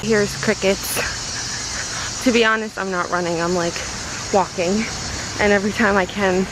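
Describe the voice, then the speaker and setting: A woman's voice: medium pitch, steady tone, moderate pace, background noise. Chatty young woman vlogging her day. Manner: chatty, rambling, many "like" and "um" fillers. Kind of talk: casual daily vlog narration.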